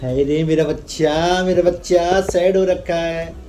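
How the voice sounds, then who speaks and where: A man's voice: a little high, fairly even intonation, a little slow, warm tone, faint music behind. A man hosting a casual home vlog, teasing and coaxing his wife in an affectionate way. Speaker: vlogger.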